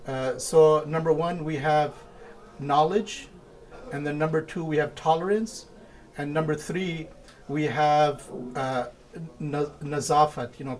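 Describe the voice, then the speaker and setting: Imam speaking in measured, listed points. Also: male voice, a little high. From India. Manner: measured, lists points one by one. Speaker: imam of a mosque. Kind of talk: interview answers.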